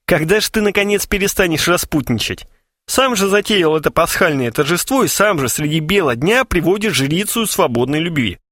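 A man's voice: a little high, expressive, moderate pace, fairly bright tone, no echo, clean studio sound, voice pushed up. A man reading an audiobook, voicing an exasperated young man who speaks in an indignant, reproachful way. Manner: indignant, pleading. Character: exasperated young man, fussing over a cookbook.

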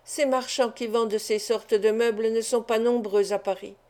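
A confident police commissioner, as a woman reader puts him on, laying out a cool warning in clipped, firm phrases. The voice is fairly high and mellow, warm rather than sharp. It belongs to a storybook reading of a classic novel. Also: fairly even intonation, normal speed, natural voice. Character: firm male police commissioner, middle-aged.

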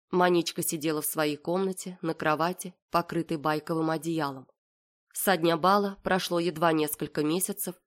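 A woman reading a story aloud as narrator in a steady, measured way. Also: sits low. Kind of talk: audiobook narration.

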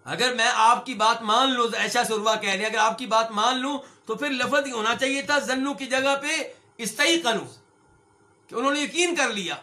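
A middle-aged male scholar gives a religious lesson, reading Arabic phrases slowly and then explaining them. He asks his listeners questions, answers them himself, and addresses them as brothers. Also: very high-pitched, bright, forceful tone. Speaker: Islamic scholar and hadith teacher.

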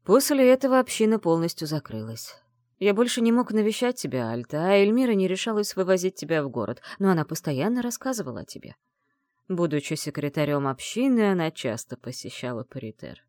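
A woman reading the part of a gentle, sad old grandfather in an audiobook, speaking with sorrow and tenderness. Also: fairly low pitch, big pitch swings, brisk, no room sound, clean studio sound, pitched above the performer's own voice. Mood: sad, tender.

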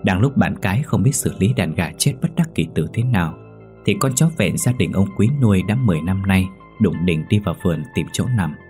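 Brief: low-pitched male storyteller, measured horror narration over soft music. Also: animated. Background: faint music.

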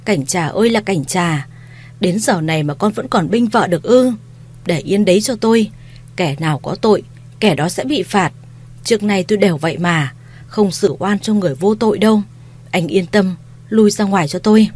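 A woman's voice: medium pitch, animated, normal speed, darkish tone, close to an everyday voice. A woman reading a story, voicing a stern elderly matriarch who harshly commands her family. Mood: harsh commanding.

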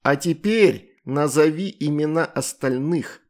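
A man's voice: a little high, a little fast, darkish tone, pitched above the performer's own voice, natural voice. A man voicing an angry demon mother nagging and scolding her daughter. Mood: furious.

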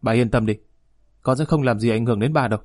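A man's voice: mid-range voice, dry recording, clean studio sound, close to an everyday voice. A man voicing a defiant, sulky grown son arguing back at his father in an audiobook reading. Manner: defiant, rapid, whining. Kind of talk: audiobook narration.

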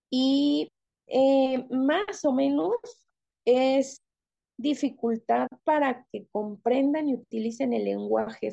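Mexican woman guest, neurolinguist, slow and measured, dark gravelly voice, dull lo-fi dry radio sound. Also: on the high side, no echo. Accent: Mexican Spanish. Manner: slow, measured, with frequent fillers. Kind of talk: explanatory radio talk.

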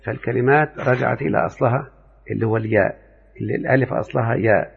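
An Egyptian man teaching a grammar lesson, his voice gravelly and a little husky. He talks straight to his students and says each example word slowly, more than once. The sound is dull and lo-fi, with a long reverb behind it. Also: mid-range voice. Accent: Egyptian Arabic. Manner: addresses students directly, repeats example words slowly. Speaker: Arabic morphology teacher. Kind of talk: classroom lesson explaining a text.

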